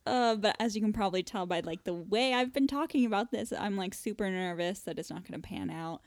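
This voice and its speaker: A woman's voice: medium pitch, brisk, no room sound, studio quality. A woman co-hosting a podcast in casual chat, talking in a chatty, self-deprecating way and laughing often. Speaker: podcast co-host.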